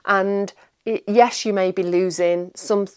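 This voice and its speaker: A woman's voice: mid-range voice, fairly even intonation, takes it slowly, smooth. A woman giving a casual tarot reading, rambling and reassuring, often repeating her words. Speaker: tarot reader.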